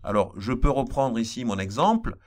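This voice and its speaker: A man's voice: medium pitch, sing-song, moderate pace. A man teaching a programming lesson, explaining step by step and repeating key points, with a slight accent he apologizes for. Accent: non-standard accent he apologizes for. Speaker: math teacher. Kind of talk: screen-recorded programming lesson.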